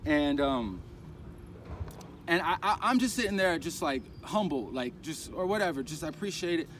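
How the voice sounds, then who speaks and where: Man, casual vlogger, somewhat high voice, rambling and animated storytelling, recorded outside with clear street traffic behind. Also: moderate pace. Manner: rambling, animated, acts out others' lines. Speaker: crypto vlogger. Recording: outdoor street noise, passing traffic. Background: traffic noise.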